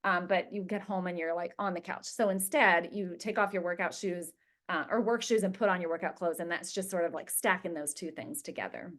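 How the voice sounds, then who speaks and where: A woman's voice: on the low side, brisk, a bit bright. Middle-aged woman coach, chatty, lots of ums and likes, walking a group thru workbooks. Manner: chatty, many fillers and "like". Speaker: wellness coach. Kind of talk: casual group coaching talk.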